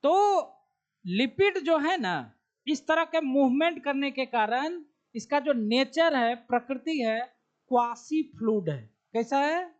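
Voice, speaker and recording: A man with a Bihari Hindi accent, very high for a man, gives a slow, unhurried biology lecture. He quizzes the class and answers his own questions. The recording is dull and lo-fi. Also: animated. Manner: asks the class questions and answers them himself; slow, repeats key terms while writing on the board. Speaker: biology teacher.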